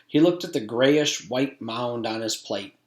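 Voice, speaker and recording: A man with a mid-range voice reads a children's storybook aloud a little slowly, like a teacher with a class. The narration is recorded in an echoey room.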